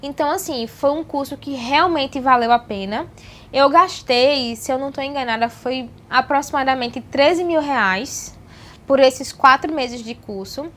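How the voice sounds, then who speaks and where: A woman's voice: high-pitched, measured pace, fairly bright tone. A young adult woman, chatting casually to camera and giving tips, with many fillers and repeated "então, assim". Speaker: vlogger giving language-learning tips.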